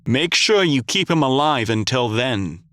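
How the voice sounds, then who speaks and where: A man voicing a calm, authoritative leader of a mercenary group. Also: mid-range voice, unhurried, no echo. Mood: commanding.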